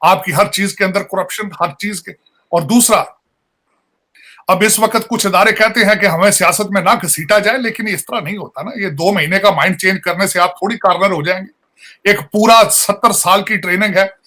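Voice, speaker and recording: A retired army major gives earnest analysis on a TV panel. His high, bright voice sometimes slows into halting English phrases. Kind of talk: TV panel discussion.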